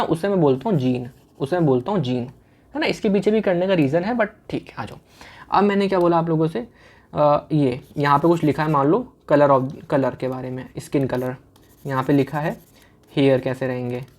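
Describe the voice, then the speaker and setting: Male lecturer, casual and quick, drills key terms by question and answer. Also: a little high, darkish tone. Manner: asks questions and answers them himself, repeats key words; casual, fast-talking teacher. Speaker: medical lecturer. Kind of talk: online lecture.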